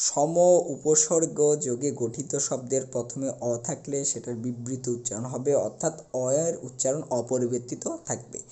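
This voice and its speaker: A young man teaching a recorded class, explaining step by step and slowly repeating the key words. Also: a little high, dark tone.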